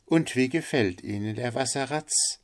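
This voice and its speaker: A man's voice: mid-range voice, a little slow, voice pushed up, close to an everyday voice. A man voicing a prim, motherly female duck in a storybook reading, genteel in manner.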